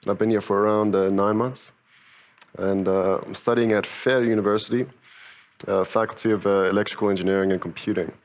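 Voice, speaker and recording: A young man from Africa, speaking as a panel guest, brief and halting. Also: fairly low pitch, steady tone. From South Africa. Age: young adult.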